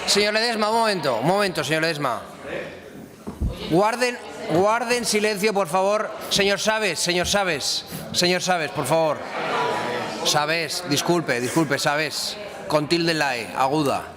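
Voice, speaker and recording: A man's voice: a little high, a little slow. Firm man chairing a noisy chamber. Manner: firm, calls for silence. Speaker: parliament president. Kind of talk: chairing a parliamentary session. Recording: reverberant chamber, clear crowd noise, off-mic.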